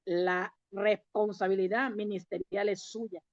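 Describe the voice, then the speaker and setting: A woman's voice: mid-range voice, fairly even intonation, unhurried, no echo. A woman preaching a sermon in a conversational way, talking straight to her listeners and asking them questions. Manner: conversational, direct address with rhetorical questions. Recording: dry, dull lo-fi recording.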